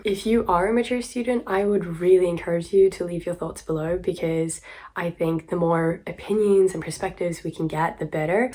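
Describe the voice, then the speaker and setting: A woman in her twenties from South Africa, talking casually and candidly to camera, hoarse from a sore throat, with a smoker-like rasp. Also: lowish voice, warm tone. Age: 20s. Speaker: student vlogger.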